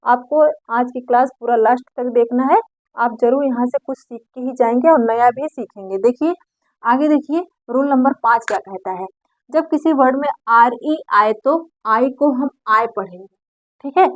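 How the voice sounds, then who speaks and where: A woman's voice: on the high side, moderate pace, no echo. Woman teaching with patient repetition. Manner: patient, repeats key points, asks and answers her own questions. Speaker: English pronunciation teacher. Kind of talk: explanatory lesson. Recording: dry, muffled lo-fi recording.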